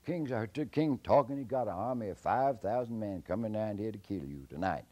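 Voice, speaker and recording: A man's voice: animated, a little fast, dull audio. A man voicing Jack, a clever young trickster boy, in a told folktale. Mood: cocky, hollering. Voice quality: high, shouting, boastful drawl.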